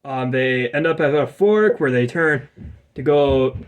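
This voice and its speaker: A man's voice: mid-range voice, a little slow, smooth. A young man running a tabletop game, rambling with crude jokes and lots of fillers. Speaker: game master. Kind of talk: casual tabletop game narration.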